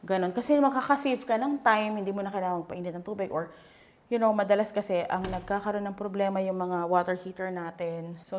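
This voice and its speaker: A young Filipino woman with a medium-pitched voice gives a chatty, enthusiastic house tour, switching between English and Tagalog. She's a real estate agent leading a casual walkthrough, and there's slight background noise.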